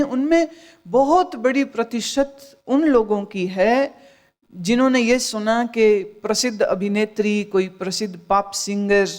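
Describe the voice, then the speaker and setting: A woman spiritual teacher giving a discourse, scolding with rhetorical questions and dropping in English phrases. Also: mid-range voice.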